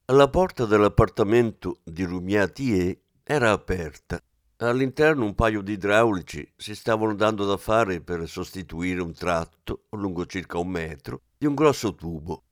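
A man narrating a crime audiobook in a steady, measured reading. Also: fairly low pitch, no room sound, clean studio sound.

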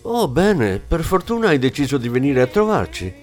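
Brief: male reader doing a defensive desk sergeant, curt, pitched higher. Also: sing-song, normal speed, faint music behind. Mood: irritated. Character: irritated male desk sergeant at a police station.

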